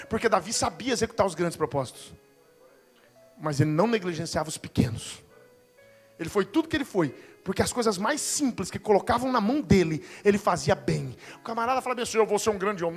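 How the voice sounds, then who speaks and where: High-voiced joking preacher, forties. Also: male voice, breathy edge. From Brazil. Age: 40s. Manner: humorous, acts out Bible scenes in voices. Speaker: pastor. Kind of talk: sermon. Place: church.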